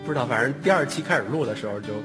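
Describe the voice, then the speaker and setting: A man with a mid-range voice races along with lively intonation during a casual online cast chat, though he sounds hesitant and keeps repeating phrases. He's a voice actor who later reads out questions, and music plays behind him.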